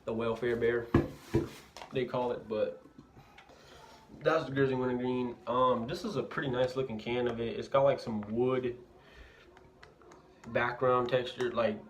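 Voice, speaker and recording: A man's voice: medium pitch, steady tone, a little slow, long pauses. A young man talking casually with a lip full of dip, reviewing a product in a bathroom. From Louisiana, United States. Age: young adult. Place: indoors, bathroom at a house. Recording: noisy amateur bathroom recording, clicks.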